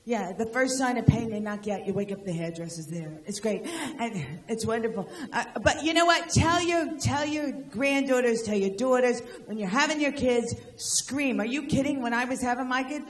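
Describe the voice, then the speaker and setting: A woman's voice: fairly high pitch, animated, echoey room. An older woman doing a stand-up comedy set, firing off brash jokes and teasing people in the audience. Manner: brash, rapid-fire jokes and crowd work. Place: live venue with audience.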